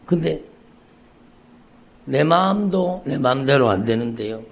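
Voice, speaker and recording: Gravelly pastor preaching fervently. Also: male voice, medium pitch, expressive, slow pace. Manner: emphatic repetition, rising to loud fervent outbursts. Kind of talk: sermon. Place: church sanctuary.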